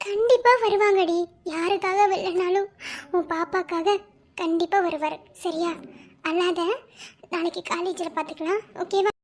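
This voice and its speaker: A woman voicing a high-pitched caring college girlfriend. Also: steady tone, unhurried. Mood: soothing. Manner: coaxing, begging. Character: caring young female college friend. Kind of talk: dubbed cartoon drama.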